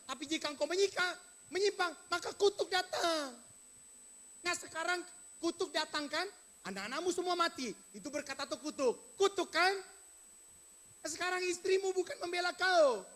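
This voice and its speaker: A man voicing a self-righteous male friend of Job, loudly hectoring with repeated rhetorical questions in a sermon. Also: very high-pitched, voice pushed up.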